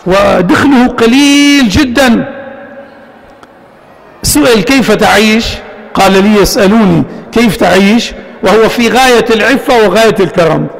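A man's voice: high voice, creaky, big-room sound, poor audio. A man preaching a sermon, exhorting his listeners with fervent, emphatic repetition.

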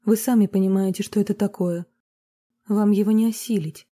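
A woman voicing a sympathetic middle-aged orphanage director who speaks quietly and tactfully, in a read-aloud story. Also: medium pitch, steady tone, brisk, close to an everyday voice. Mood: weary, sympathetic.

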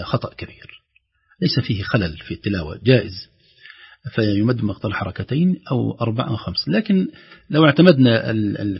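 Gravelly husky man teaching recitation. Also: lowish voice, dull audio. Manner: patient, explanatory, recites example words slowly. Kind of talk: explaining tajweed on a call-in program.

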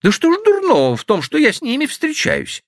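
A man's voice: huge pitch swings, brisk, dry recording, studio quality, exaggerated voice. Man putting on a tearful young woman. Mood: carefree. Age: young adult. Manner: high plaintive pleading falsetto.

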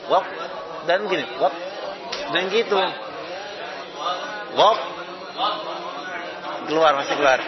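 Slow-speaking man correcting recitation. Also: on the high side. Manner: short repeated corrections, modeling sounds. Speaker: Quran recitation teacher. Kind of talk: correcting students' pronunciation in class. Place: classroom with students. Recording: muffled classroom recording, group audible.

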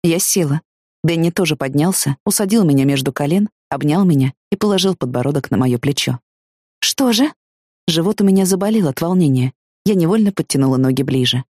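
A woman's voice: sits low, fast talker, no room sound, clean studio sound. A woman narrating a first-person novel as an audiobook, reading expressively and with feeling. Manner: expressive, emotionally engaged reading.

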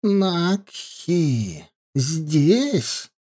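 A woman voicing a frightened old village witch in an audiobook, her voice quavering and her speech slow and fearful. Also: fairly low pitch, big pitch swings, darkish tone, husky, exaggerated voice. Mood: stunned. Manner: slow, breaking into frantic muttering. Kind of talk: audiobook character voice.

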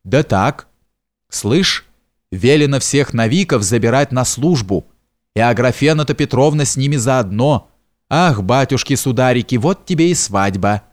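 A man's voice: medium pitch, lively intonation, measured pace, close to an everyday voice. A man voicing a frightened, cowardly young nobleman who stammers and talks in frantic, broken bursts in an audiobook. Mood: panicked. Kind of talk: audiobook character reading.

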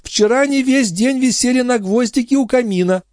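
A man's voice: extremely high pitch, brisk, darkish tone, no room sound, studio quality, voice pushed up. A man voicing a wily, sugary old female concierge who whines and protests indignantly. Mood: shrill indignant.

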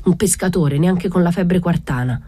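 A woman's voice: on the low side, moderate pace, mellow, husky, no echo, voice pushed up. A woman reading an audiobook voices a hot-tempered male fisherman who mutters curses and resents the Spanish soldiers. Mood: scornful.

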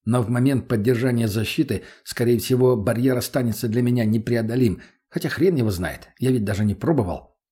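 Husky-voiced male narrator, mid pitch, gritty matter-of-fact first-person audiobook read. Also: fairly quick, dark tone.

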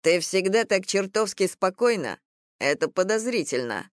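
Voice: mid-range voice, very animated, moderate pace, no echo, studio quality, lightly acted. A reader voicing a lazy, sneering young man who drawls his mockery. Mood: mocking. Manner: mocking, drawling.

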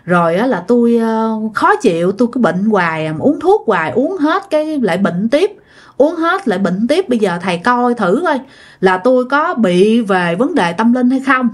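Brief: woman playing a sickly grandmother, complaining, Southern Vietnamese, slightly raised pitch. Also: expressive, moderate pace, natural voice. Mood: worried. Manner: complaining, repetitive. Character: worried, sickly grandmother seeking help.

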